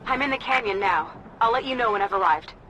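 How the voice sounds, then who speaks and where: A woman's voice: mid-range voice, animated, quick pace, highs cut off, natural voice. An actress playing a wary woman guide who speaks earnestly and warns of danger. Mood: guiding. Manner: earnest, cautionary. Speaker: game character, local guide on radio. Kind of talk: radio guidance. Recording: loud noisy game ambience.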